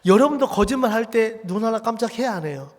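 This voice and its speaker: High-voiced Korean pastor preaching in a hall. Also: male voice. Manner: animated preaching, rhetorical questions to the congregation; acts out quoted voices in a raised, slowed delivery. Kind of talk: sermon. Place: church sanctuary. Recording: long hall reverb.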